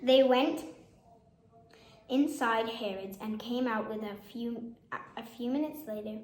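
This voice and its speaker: A woman's voice: fairly high pitch, unhurried, a little mellow. A woman storyteller reading a children's picture book aloud. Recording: echoey room.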